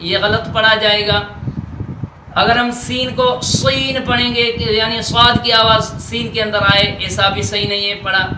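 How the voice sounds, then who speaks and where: A man with a Pakistani Urdu accent teaching Quran letter pronunciation, drilling letters slowly and deliberately. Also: high-pitched, fairly even intonation. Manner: slow, deliberate letter drills with stretched sounds. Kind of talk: Noorani Qaida pronunciation lesson. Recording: echoey room with faint noise.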